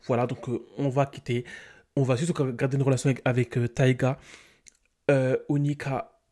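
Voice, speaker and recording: Young man, gaming commentary, mellow voice, animated, slangy. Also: medium pitch. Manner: animated, scolding his game characters with slang. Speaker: gaming YouTuber. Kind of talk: casual game commentary.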